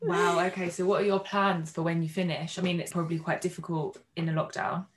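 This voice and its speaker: A woman's voice: fairly low pitch, level tone, fast talker, rough recording. A woman hosting a podcast, asking friendly, conversational questions. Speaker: podcast host. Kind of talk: podcast interviewing. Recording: podcast with music playing behind.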